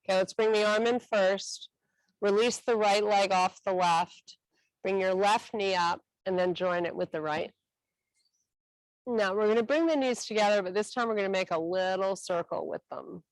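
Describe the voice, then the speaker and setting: A woman instructor guiding a stretching class with calm, encouraging cues. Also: mid-range voice, no room sound, poor audio. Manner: calm, encouraging cueing with a slow, unhurried delivery.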